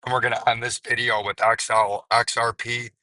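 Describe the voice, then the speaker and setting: Male crypto chart commentator, hoarse and strained, very forceful raspy edge, flat lowish delivery. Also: moderate pace, dry recording. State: hoarse, voice nearly gone. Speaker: crypto video host.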